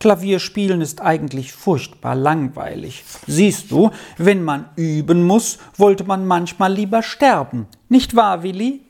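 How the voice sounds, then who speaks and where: A reader voicing an eager, excitable young girl in a storybook reading, in a raised, bright register. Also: medium pitch, a little slow, gravelly, few pauses, pitched above the performer's own voice. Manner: eager, pleading.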